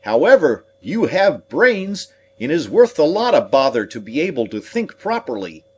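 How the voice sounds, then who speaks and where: A man's voice: on the high side, very animated, moderate pace, husky, pitched above the performer's own voice. A man putting on a musing Scarecrow. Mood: thoughtful. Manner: musing, thoughtful delivery. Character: thoughtful male scarecrow, patient and gentle.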